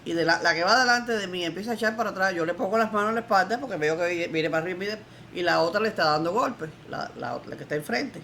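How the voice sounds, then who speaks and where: A woman's voice: fairly low pitch, lively intonation, quick pace, vocal fry, bright, forceful tone, slight background noise. An older woman with a Cuban accent giving an emphatic, defiant testimony in an interview. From Cuba. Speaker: interviewee, former political prisoner.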